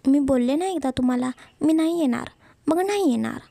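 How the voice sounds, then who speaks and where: A woman's voice: fairly high pitch, fairly even intonation, normal speed, creaky, warm tone, dry recording. Woman voicing a sulky young wife. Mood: sulking. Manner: sulky, pouting complaints. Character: stubborn, sulking young wife.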